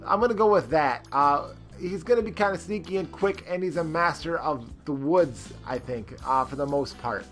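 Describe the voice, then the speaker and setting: A man's voice: a little high, moderate pace, hardly any pauses, fairly bright tone, faint music behind. A man streaming a character-creation game, rambling with lots of fillers and greeting chat viewers. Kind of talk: casual live-stream commentary.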